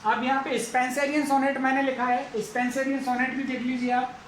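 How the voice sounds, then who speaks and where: A man's voice: very high-pitched, little pitch movement, fairly quick, fairly bright tone, reverberant, slight background noise, rough recording. A man teaching an English lesson, going through it methodically and repeating each step aloud. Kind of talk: explaining a lesson.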